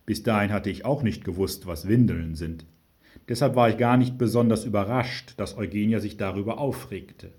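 Mann liest eine Geschichte vor, ruhig, erzählend. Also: male voice, on the low side, moderate pace, darkish tone. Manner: storytelling reading, looking back with dry humor. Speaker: narrator. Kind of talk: scripted narration.

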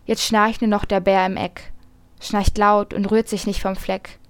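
A woman's voice: medium pitch, a little slow, no echo. Woman reading a rhyming children's story. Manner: lively rhymed reading, raising her voice for the animals' lines.

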